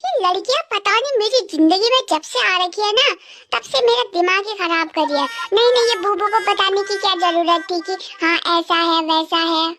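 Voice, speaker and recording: A woman's voice: very high-pitched, moderate pace, over music. A woman voicing a young husband in a comedic dub, coaxing and repeating apologies. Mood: irritated.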